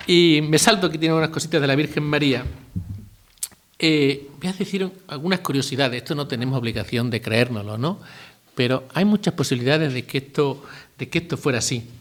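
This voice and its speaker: A man, giving a relaxed retreat talk as a priest, asking his listeners questions and adding asides. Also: fairly high pitch, fairly quick. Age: 50s. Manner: conversational, asks listeners rhetorical questions, adds asides and jokes.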